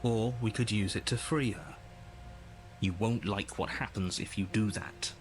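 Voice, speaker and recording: An actor playing a stern, insistent narrator in a video game, telling the story formally and dramatically in the second person. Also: male voice, lowish voice, measured pace, a little hiss or hum, natural voice. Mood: stern, disapproving. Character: stern, insistent male narrator urging the hero to slay. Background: loud music.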